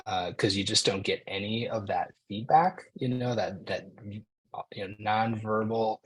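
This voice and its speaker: A man speaking as a guest on a video call, telling a personal story with animation and acting out the shouted quotes. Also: lowish voice, a little slow, breathy edge, low-quality recording.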